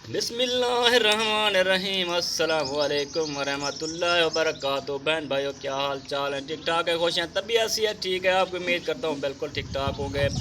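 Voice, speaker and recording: Pakistani vlogger, formal and pious greeting, slightly high voice, noisy outdoors. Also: male voice, brisk, hardly any pauses, bright, forceful tone. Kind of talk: greeting viewers. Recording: noisy rural outdoor recording. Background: outdoor rural ambience.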